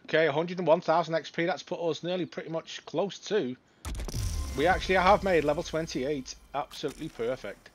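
Excitable male gaming streamer. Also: on the high side, brisk, a little hiss or hum. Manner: shouts excitedly in fights, chatty when calm. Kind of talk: live gameplay commentary.

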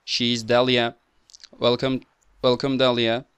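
Bright, clear-voiced young Turkish male tutor. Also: medium pitch, completely flat delivery, unhurried, no room sound. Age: 20s. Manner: non-native English with simple, imperfect grammar. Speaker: language tutor, host. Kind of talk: teaching conversation, correcting and explaining.

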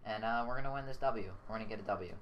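A young man chatting casually as a gaming teammate, excitable and often repeating himself. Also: lowish voice, very fast, lo-fi sound, a little hiss or hum. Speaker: gamer teammate on voice chat.

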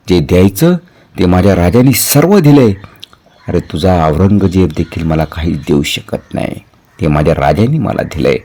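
A man voicing a fierce, loyal warrior who scornfully shouts his defiance in a devotional storytelling performance. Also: fairly low pitch, slight background noise.

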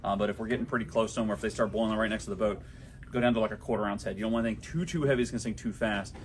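A young man behind the counter of a tackle shop, surrounded by glass display cases, talks very fast in a fairly low voice with slight background noise. It's a relaxed shop fishing report full of practical tips and plenty of ums.

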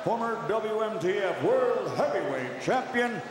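A man announcing the fighters in a drawn-out, booming ring announcer style in a large arena. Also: expressive, noisy background. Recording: echoey arena hall, roaring crowd.

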